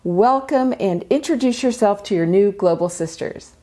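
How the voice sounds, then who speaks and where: Enthusiastic lady host, warm-ish dark voice, gushing. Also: mid-range voice, expressive, normal speed. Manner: enthusiastic, effusive reactions. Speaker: interview host. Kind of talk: casual interview.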